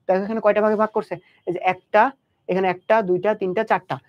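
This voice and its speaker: A man's voice: high-pitched, level tone, fast talker. A young man tutoring biology in an exam-prep lecture. He talks straight to the student and keeps asking questions that he answers himself. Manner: quizzing, asks and answers own questions. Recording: dull lo-fi audio.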